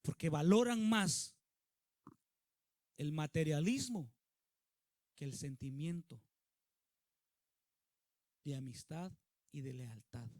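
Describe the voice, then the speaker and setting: A man's voice: a little high, slow pace, pauses often, darkish tone, no room sound, studio quality. A male pastor preaching a sermon with emphasis, often putting questions to the congregation.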